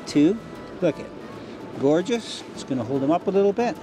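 A man's voice: fairly high pitch, expressive, moderate pace, music in the background. A middle-aged man hosting a fishing show outdoors by a mountain river, explaining each catch with enthusiasm. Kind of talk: on-location fishing narration.

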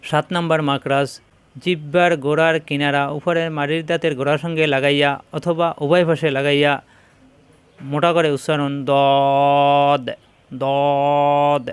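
A man teaching a Quran pronunciation lesson, drawing out each Arabic letter sound slowly and firmly. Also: fairly high pitch, flat delivery, smooth, no room sound. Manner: slow, drawn-out demonstration of letter sounds.

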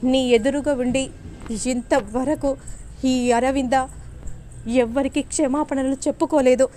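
A woman's voice: high-pitched, mellow, a little hiss or hum. A woman voicing a proud older mother-in-law who pleads for forgiveness in a soap recap. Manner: earnest pleading apology.

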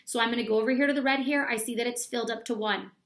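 Indoors in a small room at home, an elementary school teacher reads aloud to children, walking them through step by step and asking them questions. Her voice is a little high and a bit bright, with fairly even intonation and a rapid-fire pace.

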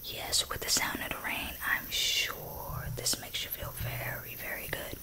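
A young woman doing a fast, hurried ASMR whispered role-play as an attentive barber, speaking softly and close to the mic. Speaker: ASMR creator playing a barber. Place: small dim bedroom, indoors. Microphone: close desktop condenser mic with fluffy windscreen.

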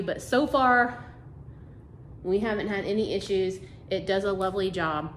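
A cleaning vlogger chats to camera about tidying her carpet-free living room indoors at home. Her voice sits on the low side and sounds homey and chatty, sprinkled with "like" and "um," while the recording is roomy with a faint hiss or hum.

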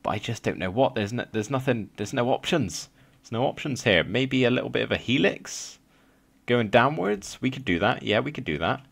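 A young gaming channel host with a slight lisp offers casual let's-play commentary while working in a building game, thinking aloud with lots of ums and small laughs. His mid-range voice is creaky and fairly bright, with lively intonation at a moderate pace.

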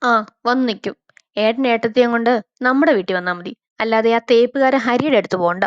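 A woman's voice: on the high side, a little fast, smooth, dry recording, lightly acted. Woman doing a sulky, childlike young woman. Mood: pouting. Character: young woman, lonely, tearful, pouting. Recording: slightly dull, dry recording.

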